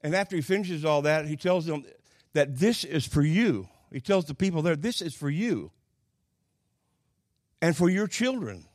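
An older man with an Oklahoma accent delivering a folksy sermon with personal stories, halting and plainspoken, moving between hushed asides and loud, emphatic lines. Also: a little high, lively intonation, dry recording, studio quality. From Oklahoma, United States. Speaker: Pentecostal preacher.

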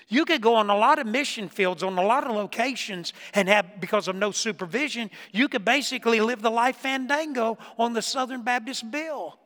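A man preaching a sermon in a church, telling stories with emphasis and dropping between loud lines and hushed ones. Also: high-pitched. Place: church sanctuary. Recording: reverberant church hall.

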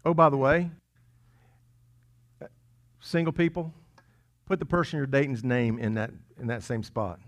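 A man preaching a sermon as pastor, conversational and playful, with quiet asides between loud, emphatic lines. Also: mid-range voice, fairly even intonation, unhurried, pauses often. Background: congregation chuckling.

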